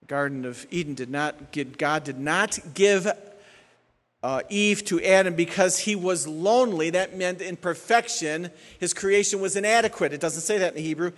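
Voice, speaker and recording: A man's voice: sits high, normal speed. A male pastor preaching a sermon, moving between plain teaching and acting out heated prayers and complaints. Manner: animated, acts out prayers and complaints. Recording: long hall reverb.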